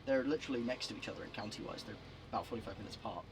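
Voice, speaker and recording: A man's voice: on the low side, racing, soft background music, rough recording. A young man streaming from home, chatting casually and rambling with lots of restarts and chuckles. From England. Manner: rambling, self-interrupting, chuckles often. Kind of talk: casual live-stream chat while gaming.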